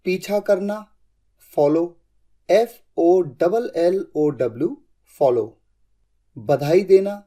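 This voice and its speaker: An English vocabulary teacher giving a scripted lesson, saying each word, spelling it out letter by letter, then repeating it in a lower, firmer tone. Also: mellow. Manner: drops to a lower, firmer pitch on the final repeat.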